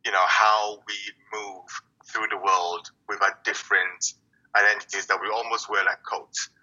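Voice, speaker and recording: Brief: male poet guest from Italy, bright raspy tone, reflective and halting, lo-fi call sound. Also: fairly low pitch, level tone. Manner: reflective, halting, many restarts and fillers. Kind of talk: casual interview talk.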